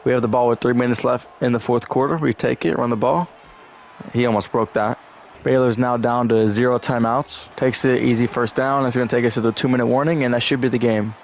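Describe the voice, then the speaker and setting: A young man giving casual gameplay commentary, frustrated and profane, now and then shouting at the game. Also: mid-range voice, fairly even intonation, a little fast, slight background noise. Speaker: gaming YouTuber.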